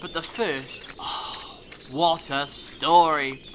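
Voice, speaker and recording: A man acting an eccentric, curious time-travelling alien adventurer in a fan audio drama, telling things theatrically with dramatic pauses. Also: on the high side, steady tone, a bit bright, a little hiss or hum. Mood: dramatic storytelling.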